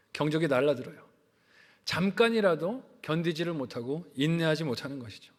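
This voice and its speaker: A man's voice: on the high side, a bit bright. A man preaching a sermon as a pastor, asking the congregation questions and answering them himself. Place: church sanctuary. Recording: reverberant church hall.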